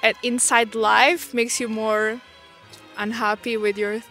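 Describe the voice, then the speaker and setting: A woman muses loosely in a street interview, her bright voice staying flat in pitch. She sounds unsure as she talks it through. Faint music runs underneath. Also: slow pace. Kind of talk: casual street interview answer.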